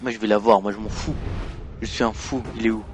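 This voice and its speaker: Excitable French gamer narrating play. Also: male voice, fairly low pitch, quick pace, slight background noise. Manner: excitable, swings from mumbling to loud outbursts. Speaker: gaming YouTuber. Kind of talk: let's play commentary.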